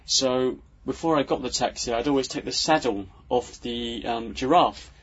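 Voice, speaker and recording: A man's voice: mid-range voice, normal speed, husky, lo-fi sound. A man and podcast host telling a casual, rambling story full of ums and restarts. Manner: rambling, hesitant, lots of ums. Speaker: podcast host and unicycle performer. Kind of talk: casual anecdote.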